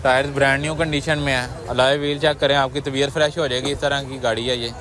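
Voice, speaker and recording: A man hosting a car market walkaround, describing cars in brisk salesman-like patter and interviewing sellers on a handheld mic outdoors. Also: medium pitch, steady tone, crowd noise. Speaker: host presenting cars at a market. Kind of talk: walkaround commentary and street interviews. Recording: outdoor street noise behind.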